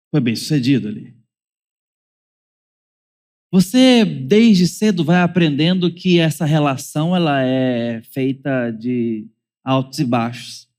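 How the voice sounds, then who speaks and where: Brazilian pastor preaching with dry humor. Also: male voice, on the high side, dark tone. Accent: Brazilian Portuguese. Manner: wry humor, mimics children's whining voices. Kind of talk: sermon.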